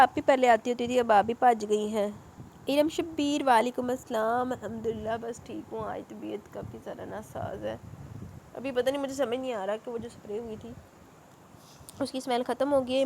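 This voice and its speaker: A woman with a Punjabi accent and a hoarse, strained voice narrates a novel and chats through her listeners' comments. Her voice sits fairly high and sounds mellow, with faint background noise. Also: low-quality recording. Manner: chatty, warm with listeners, mixing in English.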